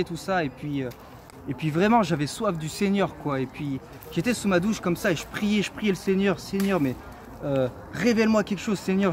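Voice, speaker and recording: A man in his twenties from France, telling a personal faith story in an earnest, halting way with many fillers. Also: high-pitched. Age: 20s. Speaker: testimony speaker. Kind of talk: casual personal testimony. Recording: clear street noise behind.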